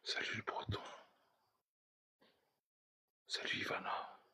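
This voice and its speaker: A man whispering through a live stream from an abandoned building at night, greeting viewers and talking in a hushed, tense voice. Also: slow.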